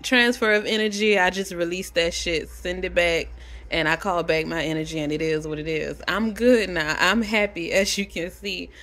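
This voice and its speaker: A young adult woman vlogging, telling a casual story to camera, animated and chatty, swearing freely. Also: on the low side, moderate pace.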